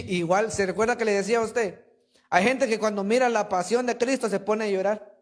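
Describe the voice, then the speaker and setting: Predicador de voz muy aguda, enfático, retórico; sermón en iglesia. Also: male voice, sits high, steady tone, moderate pace. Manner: emphatic preaching, addresses listeners as brother. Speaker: preacher. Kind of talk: sermon. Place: church.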